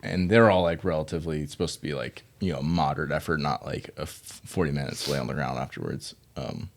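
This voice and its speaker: Deep-voiced man coaching chat. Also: fairly quick, gravelly. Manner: relaxed, filler-heavy, laughs often. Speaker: gym coach and podcast host. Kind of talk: casual podcast chat.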